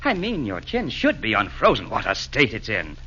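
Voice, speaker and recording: Bright, hearty old Santa Claus. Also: male voice, fairly low pitch, huge pitch swings, normal speed, slight background noise, exaggerated voice. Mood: hearty, hospitable. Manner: hearty, rhyming theatrical delivery. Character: jolly, generous, fussing old Santa Claus. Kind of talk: 1940s radio acting. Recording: dull 1940s radio broadcast recording.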